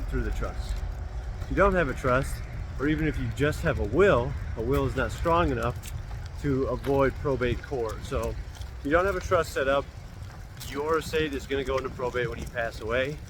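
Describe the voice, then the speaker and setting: A man talking casually and explaining things to viewers while out walking, in the manner of a real estate agent's vlog. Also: medium pitch. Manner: conversational, explanatory, speaking while out on a walk. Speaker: real estate agent hosting a weekly video. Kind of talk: casual informal talk to camera while walking. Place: outdoors on a walk. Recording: outdoor street noise with passing cars. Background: cars and outdoor ambience.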